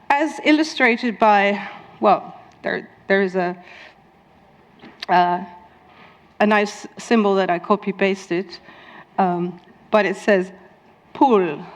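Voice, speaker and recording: A woman with a Dutch first language gives a conference lecture, taking her time and filling pauses with ums and small laughs. Her voice sits in a middle range and carries a long reverberant tail from a large hall. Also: medium pitch. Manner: many ums, laughs at own asides. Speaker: speaker at a conference talk. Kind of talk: lecture on linguistics.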